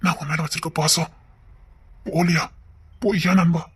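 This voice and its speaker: An actor playing a middle-aged uncle in a TV serial, tender and pleading, who keeps repeating endearments. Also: male voice, a little high, flat delivery, normal speed, very noisy, close to an everyday voice. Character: doting, guilt-ridden middle-aged uncle. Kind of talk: TV serial acting.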